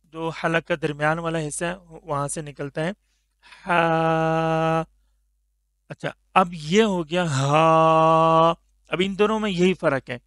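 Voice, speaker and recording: A man's voice: high voice, a bit bright, dry recording, studio quality. A man teaching Tajweed pronunciation of Arabic letters, patiently stretching each letter sound for the learner. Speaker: Quran recitation teacher.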